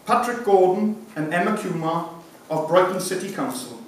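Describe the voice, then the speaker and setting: With a high voice and lively intonation at normal speed, a man in his thirties presents an award for a sponsor, reading his formal script from notes. He's in an indoor conference room, and a distant camera catches the lectern mic amid echo and hiss.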